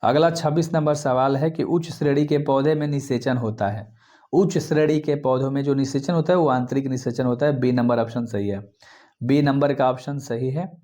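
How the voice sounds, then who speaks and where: A man with a Bihari Hindi accent teaching exam questions quickly, repeating answers and coaxing his students. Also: medium pitch, warm tone. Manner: fast, repetitive, coaxing students.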